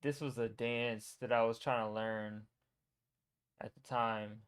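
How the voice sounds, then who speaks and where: A man's voice: mid-range voice, fairly even intonation, slow pace, slight background noise. Wry young man reacting to old clips. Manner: wry, teasing, talks to himself. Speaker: streamer reacting to his old videos. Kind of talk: casual reaction commentary.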